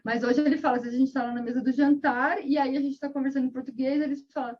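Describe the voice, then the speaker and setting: A woman guest and mother talking casually in an interview, telling stories quickly with quoted bits of dialogue, heard over a video call. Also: high-pitched, flat delivery. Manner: fast, chatty storytelling with quoted dialogue. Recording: dull lo-fi sound.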